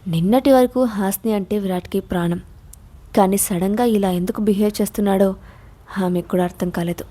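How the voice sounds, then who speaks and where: A woman narrating a suspense audio story in a steady storytelling manner. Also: medium pitch, fairly quick.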